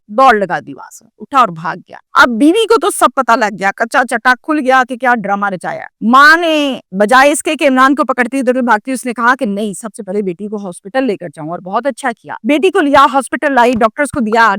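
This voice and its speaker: A woman's voice: a little high, fairly bright tone, no room sound, studio quality. A woman vlogger narrating a true crime story in an earnest, dramatic storytelling manner and voicing the people in it. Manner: earnest, acts out quotes.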